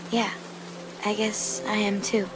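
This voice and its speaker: A woman with a medium-pitched, level voice speaks slowly, playing a guarded young survivor in a game drama with understated, awkwardly sincere delivery. The mood is awkward and wistful, in naturalistic video game drama acting. Music and background noise sit behind her.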